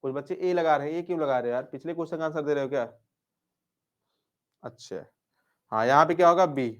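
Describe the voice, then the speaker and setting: Speaking fast in a muffled recording, this man has a voice on the high side. He teaches Hindi grammar by working through exam questions, repeating answers, posing "क्या?" and replying to it himself, and giving students fond nicknames.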